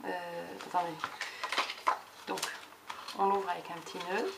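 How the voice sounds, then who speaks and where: A scrapbooking vlogger casually shows off her scrapbooks, speaking hesitantly with many fillers and restarts. Her voice is low-ish, flat, and unhurried with vocal fry, and heavy background noise is present.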